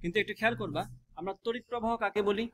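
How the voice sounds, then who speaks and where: Fast-talking man teaching physics. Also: sits high. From Bangladesh. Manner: quizzes students with quick rhetorical questions; mixes English math terms into his speech. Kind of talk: classroom physics lesson.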